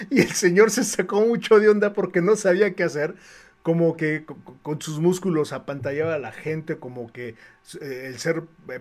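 A middle-aged man with a Mexican accent, casually telling a story on his livestream in a lively, animated way, often restarting his phrases. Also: fairly high pitch. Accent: Mexican Spanish. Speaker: comic artist and livestream host.

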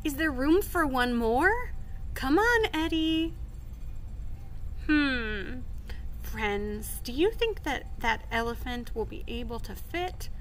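A young woman librarian leading a children's storytime, talking slowly and clearly in a bright, sing-song way. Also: high-pitched, lively intonation, a little hiss or hum. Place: outdoors at a wooded campsite.

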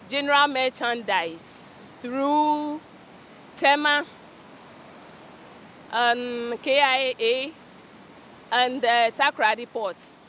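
A middle-aged Ghanaian woman talks unhurriedly with a Ghanaian accent, her voice pitched high. She speaks into a handheld mic outdoors by the sea, with faint noise behind her. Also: sharp tone. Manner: speaks unhurriedly, mixes English with Twi. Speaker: clearing agent guest. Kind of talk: casual interview. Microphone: handheld mic held by interviewer.

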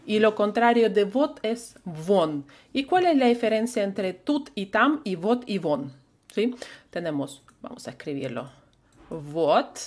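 A woman with a Russian accent, a native Russian speaker, teaching a live online language lesson and patiently repeating phrases for learners to copy. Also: medium pitch.

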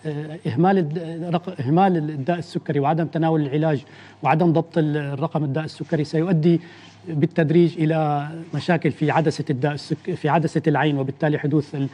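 Male physician guest, rapid measured explainer with a dark, mellow voice. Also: fairly high pitch, fairly even intonation. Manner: measured, explanatory, with frequent restarts. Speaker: internal medicine doctor, guest. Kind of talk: explaining medical facts in a TV interview.

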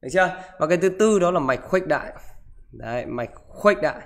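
A man's voice: on the high side, expressive, brisk, vocal fry, a bit bright. A man teaching physics, talking students through exam questions in a live online class and checking in with them after almost every sentence. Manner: keeps asking "được chưa?" and "đúng không?".

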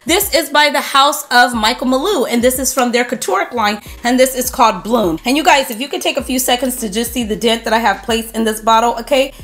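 A woman in her thirties chats to camera in a fragrance review vlog, her voice sitting a little high. She gushes through lists of notes in quick rhythmic runs. She is recorded at a desk at home on a camera mic. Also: a bit bright. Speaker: beauty vlogger. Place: home room with a desk display.

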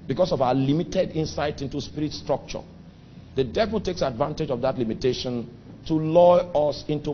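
Slightly mellow and sing-song, a Nigerian man preaches as a pastor, lingering on key phrases and swinging sharply in pitch and volume. Dull audio with faint background noise.

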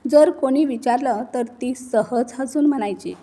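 A woman narrating an emotional storybook tale in a steady reading voice. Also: sits high, a little slow. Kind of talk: scripted narration.

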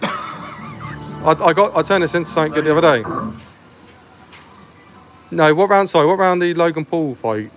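A young man who hosts a gambling channel chats casually while playing slots, swearing and often poking fun at himself in a laid-back way. His voice is a little high and a bit bright, with huge swings in pitch, a moderate pace, and frequent pauses. He seems to be in an arcade or bookmaker's, with slot machine music playing in the background.

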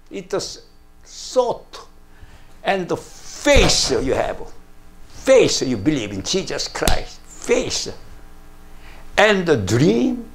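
Preaching to camera in a plain indoor studio, an older male pastor whose first language is Korean speaks very slowly in a gravelly, fairly high voice. He emphasizes each phrase heavily in broken English, sprinkling in frequent hallelujahs and amens.

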